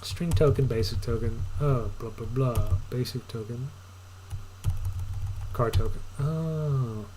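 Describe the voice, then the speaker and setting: A man's voice: medium pitch, steady tone, unhurried, pauses often, low-quality recording. A man thinking aloud as he codes, muttering to himself in short, trailing fragments in a casual live-stream commentary style. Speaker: programmer streaming live coding. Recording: loud background noise, keyboard clatter. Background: typing and mouse clicks.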